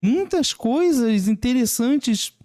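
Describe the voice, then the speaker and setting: A man's voice: very high voice, lively intonation, measured pace, warm tone, no room sound. A man with a Brazilian accent comments casually as a reaction host. He sounds impressed and tends to repeat his words, recorded very dry.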